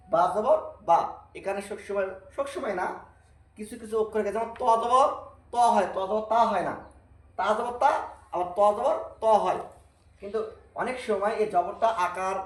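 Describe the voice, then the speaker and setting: Guy doing quran reading drills, kinda high voice, echoey room. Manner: repeats drills slowly and patiently, asks and answers own questions. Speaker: Quran teacher. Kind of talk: Arabic reading lesson.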